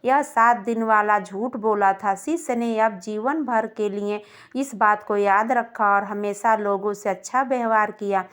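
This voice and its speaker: A woman narrating a scripted moral story in a calm, gentle manner. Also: medium pitch, unhurried. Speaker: storyteller of moral stories for a channel.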